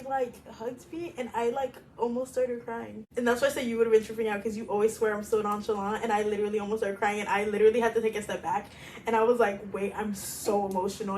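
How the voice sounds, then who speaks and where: A woman in her twenties chats on a podcast, animated and full of laughter as she tells her stories. Her voice sits somewhat high. A faint hiss of background noise runs under the talk. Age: 20s. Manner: animated storytelling with frequent laughs and filler "like". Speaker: podcast co-host. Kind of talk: casual chat.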